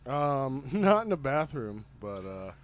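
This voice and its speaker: A male podcast co-host with a voice of ordinary, middle pitch. He rambles through crude anecdotes, breaks into laughter often and swears without a second thought, all in loose, casual banter. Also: sing-song, slow pace. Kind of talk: casual chat.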